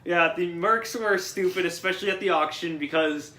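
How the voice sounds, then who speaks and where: Young guy reviewing a film with friends, a bit high-voiced, rambling, stumbling on words, in an echoey room. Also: normal speed. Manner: rambling, stumbles over words, laughs often. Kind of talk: casual group movie review. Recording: echoey room, faint noise.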